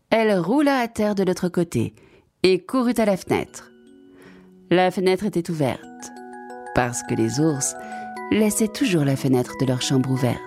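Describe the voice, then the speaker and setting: Expressive woman reading a bedtime story. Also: low voice. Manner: expressive, playful, addresses young listeners.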